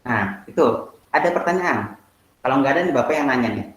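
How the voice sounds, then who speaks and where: A man's voice: medium pitch, animated, rapid-fire. Male teacher, chatty lecturing, roomy echo. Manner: explains with many "nah" and asides, asks students questions. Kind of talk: online class lecture. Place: home, online video class.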